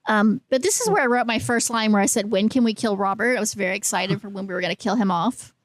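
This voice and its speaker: A podcast co-host chats casually through a film recap, swearing freely and acting out lines of dialogue in an offhand way. Her mid-range voice moves fast, with slight background noise.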